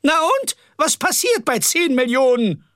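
A man's voice: very high-pitched, animated, measured pace, a bit bright, dry recording, clean studio sound, pitched above the performer's own voice, full character voice. A man voicing a spiteful, bossy headmistress in an audiobook, shrieking and indignant. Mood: scornful. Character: shrill spiteful headmistress, older woman. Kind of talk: audiobook character voice.

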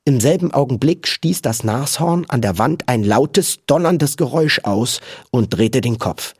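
A man reading a children's story aloud in a slow, lively storytelling manner. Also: medium pitch, breathy edge, no echo, clean studio sound. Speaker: audiobook reader.

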